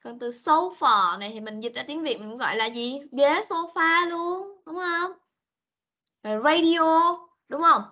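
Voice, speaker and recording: A woman teaching English to young children over a video call, speaking, patient and coaxing, mixing with slow English. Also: high-pitched, bright, forceful tone, lo-fi sound. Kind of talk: online class for young children.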